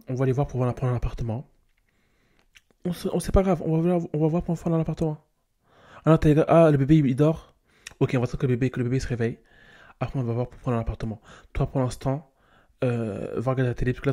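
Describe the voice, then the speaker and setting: A young man giving casual game commentary, animated and talking straight to his game characters with slang. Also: medium pitch. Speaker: gaming YouTuber.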